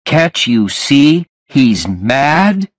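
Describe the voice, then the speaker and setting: A man's voice: medium pitch, sing-song, drawn-out words, no echo, studio quality, pitched above the performer's own voice. A man voicing a nervous, guilt-ridden young groom with a tense, urgent way of speaking, in a read-aloud story.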